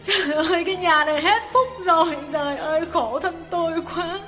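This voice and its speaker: A man narrator voicing a furious, betrayed village wife of nearly thirty, cursing and wailing in a high, shrill voice. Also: fairly quick, sharp tone, soft background music. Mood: sobbing. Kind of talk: audiobook character voice.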